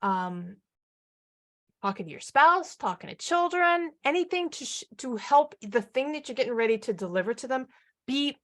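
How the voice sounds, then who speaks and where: A woman coaching a live online marketing training, energetic and upbeat, often firing questions at her audience. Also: sits high, moderate pace.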